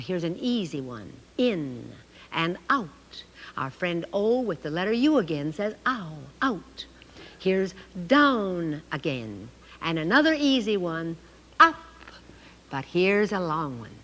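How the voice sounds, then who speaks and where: A woman leads a children's phonics lesson, sounding out letters in a very slow, carefully enunciated voice. Her pitch swings up and down with lively, sing-song expression. The old 1960s television sound carries a long, trailing reverb. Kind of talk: slow, clear teaching to children.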